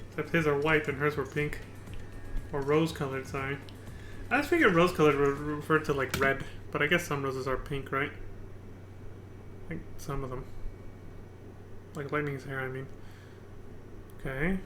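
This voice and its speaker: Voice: mid-range voice, moderate pace, pauses often, sharp tone, soft background music. A casual let's play host giving wry, chatty, sweary commentary on a game.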